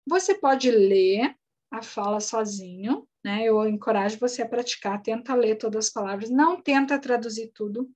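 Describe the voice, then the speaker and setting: High-voiced woman teaching English. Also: darkish tone. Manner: patient, explains slowly, spells words out. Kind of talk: recorded online lesson recap.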